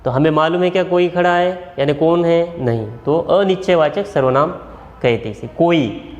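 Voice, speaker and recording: A male school teacher with a Marathi accent, giving a grammar lesson and repeating each example slowly, step by step. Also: on the high side, a little mellow, lo-fi sound, soft background music. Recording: echoey room with long reverb.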